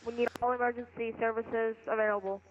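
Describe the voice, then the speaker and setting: A pilot on a cockpit headset radio, reading back clearances and making emergency calls in clipped, procedural phrasing with occasional hesitant fillers. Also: medium pitch, flat delivery, quick pace. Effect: pilot talking over a cockpit headset radio. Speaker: pilot on a flight simulation network. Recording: tinny radio line with faint music behind.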